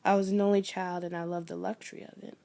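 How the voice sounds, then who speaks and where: A young woman telling a performed personal story with wry humor, swinging between loud bursts and near whispers. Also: fairly low pitch, flat delivery, quick pace, vocal fry.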